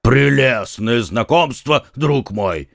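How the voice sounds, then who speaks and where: A man voicing a boastful, loose-tongued young musketeer in an audiobook, teasing and loud-mouthed. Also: medium pitch, animated, slow, creaky, no echo, studio quality, heavily acted. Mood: mocking. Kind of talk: audiobook character reading.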